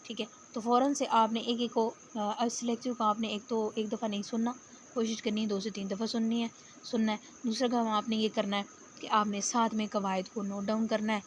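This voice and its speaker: A woman teacher giving a spoken lesson, patient, explaining step by step and repeating words slowly. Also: on the high side, little pitch movement, slight background noise. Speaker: Arabic teacher. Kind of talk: spoken lecture.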